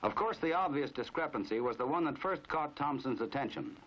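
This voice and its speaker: An American man with a brisk, expressive voice on the high side and a fairly bright tone narrates a 1950s crime training film. He tells it knowingly and dramatically, wry and measured, via a dull, band-limited 1950s film soundtrack.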